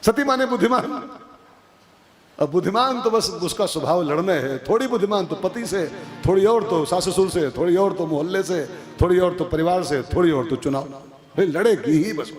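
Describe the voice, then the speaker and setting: Lively higher-pitched male preacher. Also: moderate pace, music in the background. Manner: lively, repetitive, rhetorical questions to audience. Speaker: kathavachak preacher. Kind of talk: devotional katha sermon.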